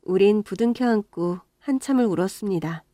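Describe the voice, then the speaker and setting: A woman narrating a first-person life story in a plain, gentle manner. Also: medium pitch, moderate pace, no echo, clean studio sound.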